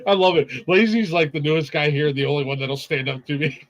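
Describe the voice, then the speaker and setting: A man's voice: fairly high pitch, steady tone, a little fast, rough recording. Laughing, teasing man host. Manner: laughing, teasing, crude banter. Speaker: podcast host. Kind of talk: casual live stream chat.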